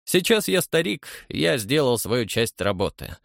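A man's voice: mid-range voice, sing-song, measured pace, creaky, dry recording, clean studio sound. A man voicing a pompous elderly director of a large agency who speaks in lofty, grandiloquent phrases. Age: older. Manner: grandiloquent, then pleading and flustered.

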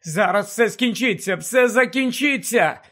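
A man's voice: high-pitched, animated, a little slow, voice pushed up, full character voice. A man voicing a panicked teenage boy wizard, pleading and crying out in desperation. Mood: desperate pleading. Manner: pleading, frantic shouting. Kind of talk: audiobook character voice.

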